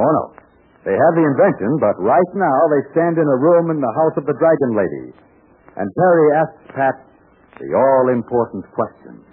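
An American man working as an old-time radio announcer, delivering scripted pitches and serial narration with emphatic, folksy salesmanship. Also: husky. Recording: muffled, band-limited old radio transcription.

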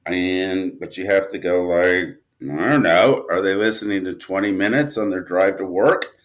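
This low-voiced man talks at a normal pace as an interview guest, an audio drama writer and producer. The conversation is casual and reflective, and he rambles along in a self-deprecating way.

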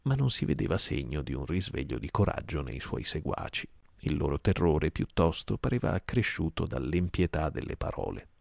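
Low gravelly man reading a calm story. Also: normal speed, dry recording, clean studio sound. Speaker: audiobook reader. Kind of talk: soporific audiobook narration.

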